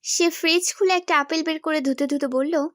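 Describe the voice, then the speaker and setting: A young woman narrates a story in the first person with expressive storytelling. Her voice is high and comes across dry and close to the mic. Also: normal speed, no echo.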